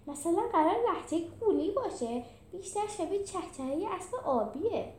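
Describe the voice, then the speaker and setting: A woman's voice: very high voice, animated, darkish tone, reverberant, a little hiss or hum, voice pushed up. A woman doing a snide whispering young animal.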